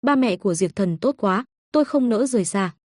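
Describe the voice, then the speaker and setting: A woman's voice: medium pitch, lively intonation, brisk, dry recording, studio quality, natural voice. A woman voicing a lonely little boy ghost who whimpers and pleads, in an audiobook reading. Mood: tearful. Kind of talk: audiobook narration.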